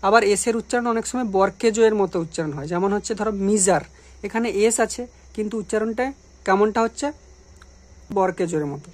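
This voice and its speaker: A woman with a medium-pitched voice talks fast while teaching a grammar lesson on English letters and sounds. She patiently poses questions and then answers them herself.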